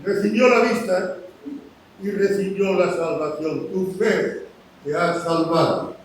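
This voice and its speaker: A man preaching a sermon and retelling a Bible story, who voices its cries louder and drops to soft asides. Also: sits high, fairly even intonation, slow, a little hiss or hum. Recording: roomy echo from a distant mic with faint ambience.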